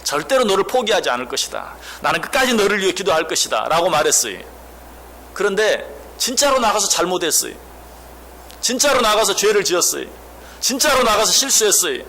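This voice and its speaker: A man's voice: sits high, sharp tone. A man preaching a sermon as a pastor, questioning the congregation and acting out quoted speech. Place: church.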